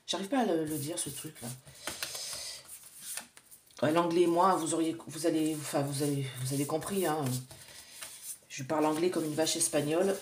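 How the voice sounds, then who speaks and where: A woman in her forties with a low-pitched voice reads oracle cards in a relaxed, chatty way. She addresses her viewers directly and hesitates often as she speaks. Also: moderate pace, long pauses, a little hiss or hum. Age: 40s. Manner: chatty, talks straight to viewers with many hesitations. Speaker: psychic card reader. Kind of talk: casual oracle card reading to camera.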